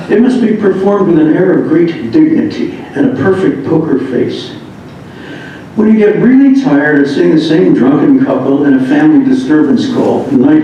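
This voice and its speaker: Warm in tone and pitched on the high side, an American man reads amusedly from another author's memoir full of humorous first-person anecdotes. The recording has an echoey indoor-room sound, dull and faintly noisy from a distant microphone.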